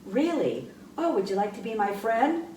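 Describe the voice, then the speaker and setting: A woman presenting birds to children, chatting in a slow sing-song way with bird puppets. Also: on the high side, big pitch swings, dark tone. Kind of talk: children's educational talk. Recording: echoey room, mic far off, faint background hum.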